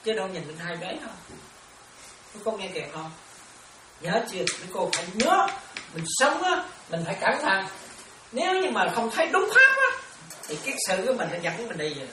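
A woman's voice: medium pitch, wildly swooping pitch, a little fast, pauses often, sharp tone, a little hiss or hum. A woman, a Buddhist nun, teaching lay followers in a dharma talk and often checking whether they follow. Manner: questioning listeners often, repetitive. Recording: echoey room, distant mic.

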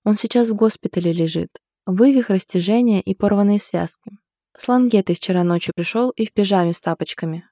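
A woman's voice: medium pitch, brisk, warm tone, no echo, clean studio sound, natural voice. A woman voicing a blunt young woman who swears and gossips, a hapless cook who grumbles at her own mistakes, in an audiobook. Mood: worried. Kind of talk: audiobook character voice.

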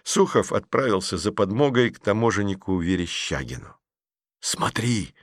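A man narrating a humorous children's story in a lively, expressive way. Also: fairly low pitch, moderate pace, dry recording, clean studio sound. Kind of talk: storybook reading.

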